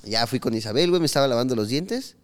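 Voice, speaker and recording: A young man with a Mexican accent co-hosts a podcast, telling a story in casual, slangy chat and acting out what people said. His medium-pitched voice is expressive and fast, with a long reverb tail.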